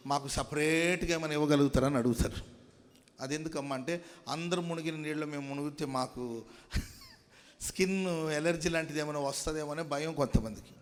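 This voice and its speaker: A male pastor from India preaching a sermon, moving between calm storytelling and loud, rising exhortation. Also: fairly high pitch. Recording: long hall reverb.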